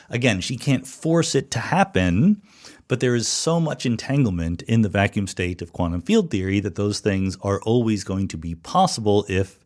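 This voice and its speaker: A podcast host with a low, slightly mellow voice answers listener questions off the cuff. His explanations are informal, and he keeps adding qualifications as he talks.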